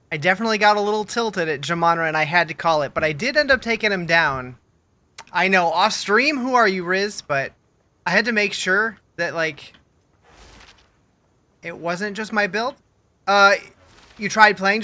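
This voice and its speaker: A man's voice: high-pitched, bright, forceful tone. A young man streaming a game, chatting casually with viewers, greeting them by name and making dry, sarcastic asides. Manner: laid-back, reads chat aloud and greets viewers by name. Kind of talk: casual gaming stream chat.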